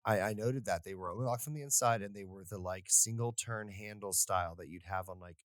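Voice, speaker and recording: Podcast co-host, male, low-ish voice, rambly and animated, dry close mic. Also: brisk, dry recording. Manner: rambling, animated storytelling with frequent asides. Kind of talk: casual chat.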